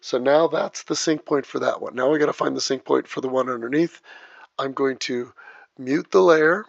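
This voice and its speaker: A man walks through a video editing job click by click, his voice gravelly with a creaky edge. The track has a low sample rate, so it sounds dull and lo-fi. It is also dry and close, with no room around it. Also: moderate pace, no echo. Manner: talks through each click as he works. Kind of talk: step-by-step screen tutorial.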